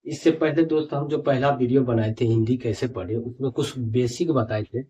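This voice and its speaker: A man teaching at a board, reading each word aloud twice in a drawn-out, emphatic way. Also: mid-range voice, fairly even intonation, mellow. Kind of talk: board lesson, reading words aloud slowly. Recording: dull lo-fi audio.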